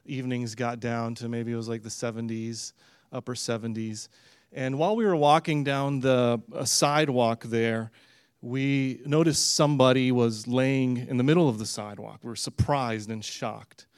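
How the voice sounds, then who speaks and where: A man preaching a sermon, telling a story in a relaxed, conversational way with frequent fillers and pauses. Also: medium pitch, smooth, no echo, studio quality. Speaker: pastor.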